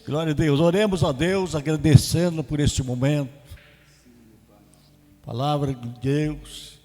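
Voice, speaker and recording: A pastor who exhorts a congregation and leads a fervent closing prayer, repeating phrases of praise. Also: male voice, a little high, steady tone, a little slow, a little mellow. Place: church sanctuary. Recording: reverberant church hall.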